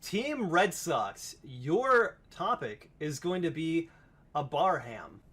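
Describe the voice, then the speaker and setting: A man hosting an improv comedy game show, explaining rules quickly with fillers. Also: fairly high pitch, sing-song, a bit bright, breathy edge.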